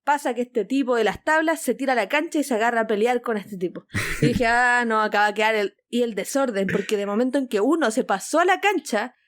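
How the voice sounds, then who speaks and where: A woman's voice: fairly high pitch, a little fast. A young woman with a Chilean accent, co-hosting a podcast and telling a story in casual chat, acting out quotes with big swings in her voice. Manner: animated, acts out quotes with big shifts in voice. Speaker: podcast co-host.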